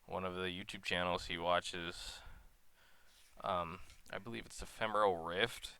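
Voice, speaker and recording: Young man, low pitch, halting downbeat rant, dry close sound. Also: fairly even intonation, clean tone, no room sound. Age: young adult. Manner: halting, stuttering, downbeat and quiet. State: bummed out. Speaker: vlogger. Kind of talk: casual rant to camera.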